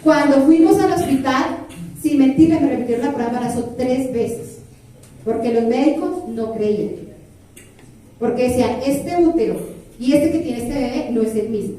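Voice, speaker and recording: A middle-aged woman preaching a sermon in a lively way, with playful asides and lists that she half sings. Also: sits high, moderate pace, a little hiss or hum. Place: church hall. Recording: very echoey hall, far from mic.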